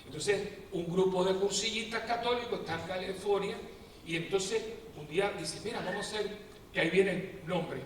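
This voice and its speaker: Priest, high-pitched and lively, preaching in a big echoey hall, mic far off. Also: male voice, moderate pace. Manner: animated storyteller, acts out quotes with humor. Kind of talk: lively preaching talk to a prayer group. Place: parish prayer assembly hall. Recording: echoey hall, distant mic, faint noise.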